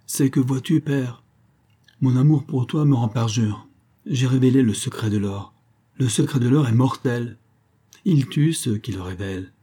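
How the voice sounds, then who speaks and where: A man's voice: mid-range voice, a little slow, mellow, husky. A man voicing an earnest, fearful young Indian man who pleads fervently in a spoken storybook.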